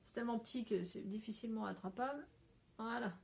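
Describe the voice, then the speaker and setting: A woman's voice: a little high, fast talker, vocal fry, a little mellow. A woman hosting a casual craft vlog, chatty and rambling, often breaking into laughter, talking to a phone camera indoors at home. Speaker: craft podcaster.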